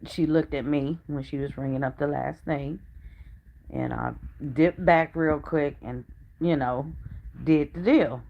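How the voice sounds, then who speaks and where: Middle-aged woman vlogger, unhurried earnest storytelling, mid-pitched voice, muffled lo-fi home recording. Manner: chatty and earnest, drops to a hush when retelling what others said. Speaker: family vlogger. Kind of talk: casual storytelling to viewers.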